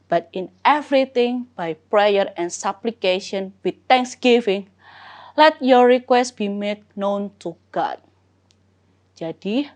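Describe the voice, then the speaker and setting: A woman with an Indonesian accent preaching at a youth service, talking casually, mixing in English phrases and asking and answering her own questions. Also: fairly high pitch. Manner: talks casually to youth, role-plays prayers. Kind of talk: sermon. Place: church, streamed service.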